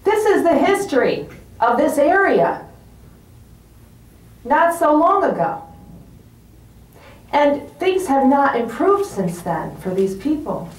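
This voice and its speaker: A woman with a fairly high voice delivers a rousing rally speech. She goes slowly, setting out short, emphatic phrases one at a time. The sound is strongly echoey. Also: very animated. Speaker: rally speaker. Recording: roomy echo, distant microphone.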